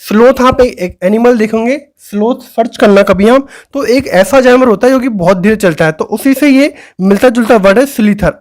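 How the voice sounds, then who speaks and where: A teacher walks through an exam vocabulary list with steady explanation. English phrases are read slowly and deliberately. The teacher poses quick rhetorical questions, then repeats each key answer for emphasis. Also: medium pitch.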